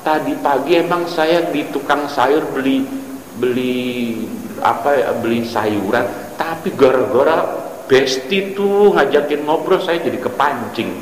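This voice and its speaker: A man's voice: mid-range voice, a little slow, a little hiss or hum, close to an everyday voice. A man voicing a fretful wife who pleads and sheepishly confesses to her husband, heard in a reverberant hall.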